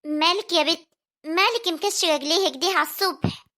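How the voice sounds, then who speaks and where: Egyptian village mom voice, super high and bright, fast, scolds then sweet-talks the kids as a performer puts her on. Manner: scolding yet tender, coaxing. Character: worried village mother of young daughters. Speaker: mother. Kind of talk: homemade family drama voice acting.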